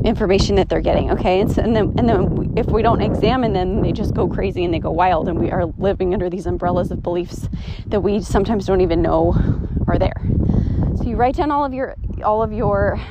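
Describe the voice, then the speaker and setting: A woman's voice: mid-range voice, heavy background noise. A woman in her thirties talking casually and motivationally while out on a walk, a little out of breath, with lots of "like" and "right?". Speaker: vlogger. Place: outdoors on a walk.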